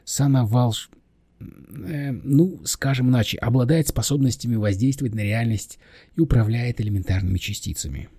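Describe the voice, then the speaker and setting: A man's voice: medium pitch, moderate pace, mellow, breathy edge, dry recording. A man doing an irritable young leader. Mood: curt. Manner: curt, impatient, commanding.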